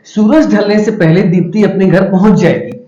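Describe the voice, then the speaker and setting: A man teaching grammar, asking questions and answering them himself, and slowing down to dictate each example sentence. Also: high voice, reverberant, dull audio. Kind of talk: classroom grammar lesson.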